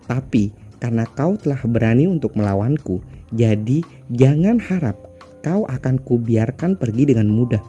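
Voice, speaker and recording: A man's voice: mid-range voice, expressive, moderate pace, warm tone, soft background music, natural voice. A man voicing an arrogant, vengeful male cultivator villain in a storybook recap, sneering and taunting.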